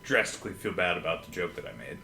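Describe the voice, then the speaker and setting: A man's voice: low-pitched, very animated, fast talker, gravelly, sharp tone, a little hiss or hum. A man appearing as a podcast guest, chatting casually with a dry, teasing manner. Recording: roomy echo.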